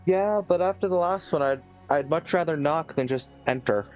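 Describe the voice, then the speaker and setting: A man's voice: a little high, normal speed, a little mellow, soft background music. A man chatting casually as a player in a tabletop role-playing game.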